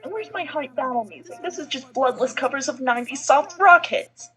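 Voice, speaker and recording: A woman's voice: sits high, animated, a little fast, sharp tone, soft background music, rough recording. A woman playing a story game and reacting in a sarcastic, exasperated way. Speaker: player. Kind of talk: casual game play chat.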